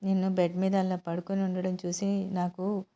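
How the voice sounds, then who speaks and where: A woman hosting her own channel, narrating a serialized love story in an even, unhurried way. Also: lowish voice. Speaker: storyteller host.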